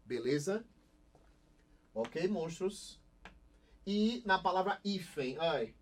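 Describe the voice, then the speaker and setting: A young Brazilian man with a lively, slightly high voice gives a recorded online class, asking the students questions and answering them himself. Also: takes it slowly. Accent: Brazilian Portuguese. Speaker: Portuguese teacher.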